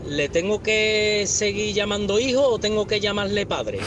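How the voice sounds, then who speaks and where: A man calling in with a jokey question, delivered as a deadpan set-up. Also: high-pitched, moderate pace, background noise. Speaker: caller with a question. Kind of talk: phoned-in or recorded question.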